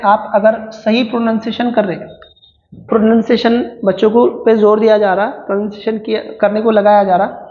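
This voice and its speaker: A woman with an Indian English accent explaining exam questions as an exam prep teacher, reading each question slowly and then explaining it in casual Hindi. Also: a little high. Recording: echoey room, dull lo-fi sound.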